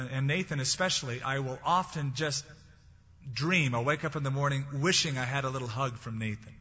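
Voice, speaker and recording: This California pastor has a fairly high, husky voice that sounds pushed and bright. He preaches in a chatty manner, citing scripture and telling lighthearted stories, in a dull-sounding recording from a large reverberant hall.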